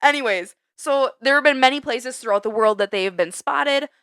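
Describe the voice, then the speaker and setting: A woman co-hosting a casual podcast, animated and exasperated, swearing freely. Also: high-pitched, brisk, clear, resonant tone, no room sound. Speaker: podcast co-host. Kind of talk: casual chat.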